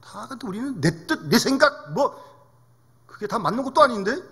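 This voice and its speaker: A man's voice: extremely high pitch, sing-song, moderate pace, a bit bright, husky. A male pastor preaching a sermon in a conversational way, often asking the congregation questions. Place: church sanctuary. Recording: reverberant church hall.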